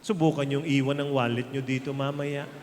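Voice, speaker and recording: A man with a Filipino accent preaching a sermon, speaking slowly and emphatically and mixing in jokes for his congregation. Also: medium pitch, steady tone, darkish tone. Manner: slow, emphatic preaching that mixes Tagalog and English, with jokes to the crowd. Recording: reverberant hall, faint ambient noise.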